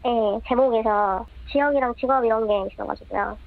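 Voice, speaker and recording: A woman's voice: a little high, a little fast, gravelly, dry recording, phone-quality sound. A woman giving short, hesitant interview answers, her voice electronically disguised to keep her anonymous. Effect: voice electronically altered for anonymity.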